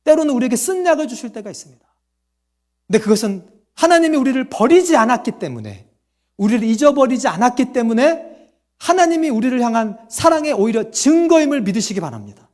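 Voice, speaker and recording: A man's voice: very high-pitched, very animated, fairly quick, darkish tone. A man preaching a sermon as pastor, asking the congregation questions and answering them himself, and acting out quoted voices.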